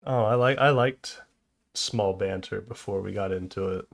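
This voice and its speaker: A man's voice: on the low side, moderate pace, creaky. A man hosting a podcast in casual chat, rambling and laughing often as he trails off and restarts sentences. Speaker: podcast host.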